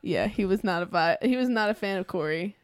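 A woman co-hosting a podcast, chatty and quick to laugh in casual conversation. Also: mid-range voice, expressive, smooth, no room sound. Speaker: podcast co-host.

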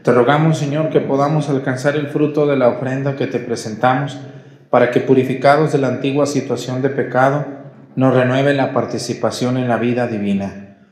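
A man leading Mass as a priest, reciting the liturgical prayers in a solemn, measured way, with the echo of a large church around his voice. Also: mid-range voice, steady tone, darkish tone. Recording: echoey church sound from a room mic.

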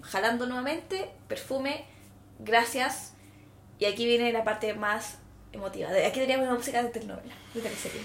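A young woman with a Chilean Spanish accent co-hosts a podcast, telling a story in casual conversation while acting out quoted dialogue and swearing offhandedly. Her voice is on the high side and her pace is normal. The room sounds echoey, with slight background noise.

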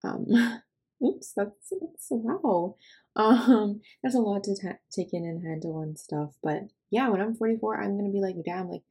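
A woman's voice: mid-range voice, a little slow, dark tone, slightly rough. A woman in her twenties hosting a podcast, chatting casually with lots of filler words. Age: 20s. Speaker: podcast host.

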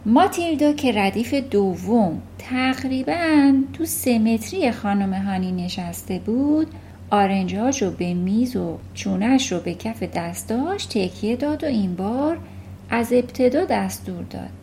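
High-voiced woman reading a children's novel. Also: a little hiss or hum. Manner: calm, storytelling. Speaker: audiobook narrator.

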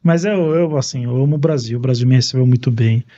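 A man from Paraguay, a Spanish speaker, chatting calmly and in a measured way as an interview guest. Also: medium pitch, dull audio. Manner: calm, measured speech. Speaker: podcast guest, neurosurgeon. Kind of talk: casual interview talk.

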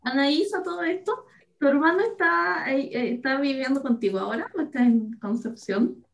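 A young woman, co-hosting a casual podcast chat, teasing with quick asides and playful curses. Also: high-pitched, creaky, slight background noise. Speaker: podcast co-host.

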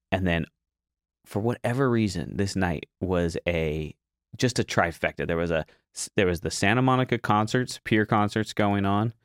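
A man's voice: low-pitched, no room sound, clean studio sound. A young man telling a kitchen story in casual talk, acting out his panic in a raised voice. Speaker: guest chef.

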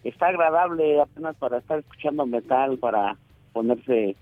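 A man with a Mexican accent calling in to a radio show over a landline phone, talking in a relaxed, hesitant way and searching for his words. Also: mid-range voice, moderate pace, no echo. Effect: heard over a landline phone. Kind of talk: casual chat. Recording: tinny dry phone line.

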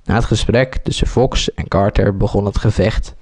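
A man reading a homemade war story aloud, halting with slips and restarts. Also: fairly low pitch, steady tone, darkish tone, breathy edge.

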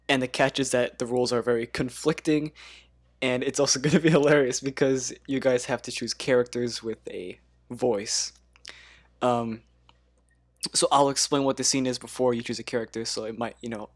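Male podcast host, mid-pitched, halting, laughs a lot. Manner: halting with many ums, laughs often. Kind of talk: casual podcast game hosting.

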